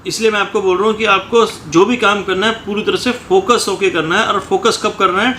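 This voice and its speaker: A man's voice: high voice, pushed and bright. A man who coaches students, giving a motivational talk in short, repeated phrases. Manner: talks in repeated short phrases, often ends with "ठीक है". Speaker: coaching teacher. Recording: echoey room, faint ambient noise.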